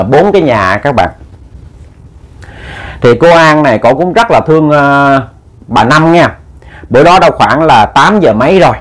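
A man telling a ghost story in a chatty way, talking to his listeners with many fillers. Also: mid-range voice.

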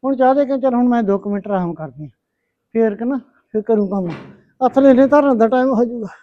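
A woman's voice: fairly high pitch, quick pace, lightly acted. A middle-aged woman, playing a tired, patient mother-in-law in a village family drama. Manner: gentle, weary, calls her "son". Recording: dull lo-fi recording.

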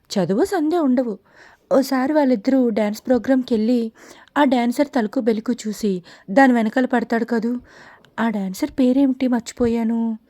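A woman's voice: on the high side, no echo, studio quality, lightly acted. Woman voicing an eager chatty younger sister. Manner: excited, chatty, a bit haughty.

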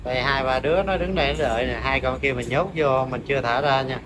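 A man's voice: mid-range voice, quick pace, background noise. A man talking to his dogs in a casual farm vlog, coaxing them with repeated questions and then explaining to viewers. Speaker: farm pet vlogger. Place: outdoors at a farm home. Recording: outdoor ambience and animal sounds behind.

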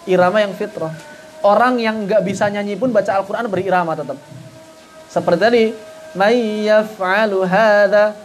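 A man teaching an online Quran recitation class. He poses rhetorical questions, answers them himself, and chants short passages as examples. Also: sits high. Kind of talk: online tajwid lesson.

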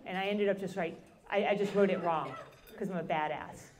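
A woman's voice: fairly low pitch, a little fast, darkish tone. A woman performing a stand-up comedy set on a club stage into a handheld mic, dry and self-deprecating, casual with lots of fillers. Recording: live audience laughter.

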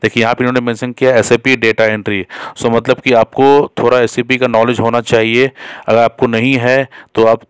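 A man's voice: medium pitch, flat delivery, moderate pace, clean tone, dry recording. A man hosting a job channel, talking casually in an unscripted voice-over with many fillers and restarts.

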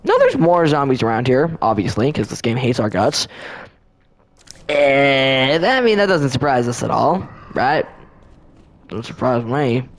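A man giving casual let's-play commentary, chatty and excitable, often talking straight to the enemies on screen. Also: mid-range voice, measured pace. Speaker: gameplay commentator.

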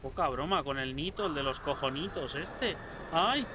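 A young man giving casual let's-play commentary, excitable, swearing a lot and talking back to enemies on screen. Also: fairly high pitch, normal speed, background noise. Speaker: gameplay streamer.

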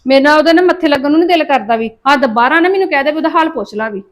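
A woman's voice: sits high, expressive, rapid-fire. A woman with a Punjabi accent playing an irritable young daughter who talks in an impatient, dismissive way. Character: brisk, irritable young daughter busy with farm chores.

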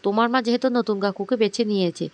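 A man's voice: high voice, fast talker, natural voice. A man voicing a scornful young daughter-in-law who talks back in a sneering, defiant way.

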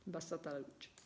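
A low-pitched woman with a darkish tone leads a live spiritualist session, speaking directly to her audience and coaxing them to listen. Though physically tired, she is effusive, exclaiming her delight over and over. A little hiss or hum is audible.

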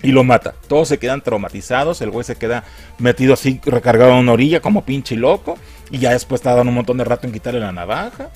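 A man's voice: medium pitch, quick pace, soft background music. A young Mexican man recapping and mocking a film in casual, crude slang. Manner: crude, mocking slang, lively put-on character voices. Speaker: film reviewer.

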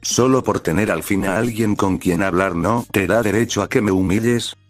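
Man reading a shy young heroine, low voice, faint music behind, fan story. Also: moderate pace, no echo, close to an everyday voice. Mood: tearful. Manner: shy, pleading, tearful. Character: timid lovesick young woman warrior.

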